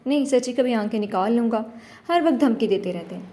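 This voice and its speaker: A woman voicing a playful, chirpy young wife in an audiobook romance, quick and teasing. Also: a little high, animated, dark tone, natural voice.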